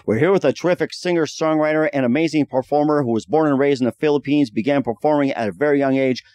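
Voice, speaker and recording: A man's voice: on the high side, fast talker, a little mellow, no room sound, clean studio sound. A man hosting a podcast interview, enthusiastic and exclaiming often, and reading sponsor spots. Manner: enthusiastic, frequent "oh my goodness" exclamations. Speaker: podcast host. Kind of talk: casual interview and read ad spots.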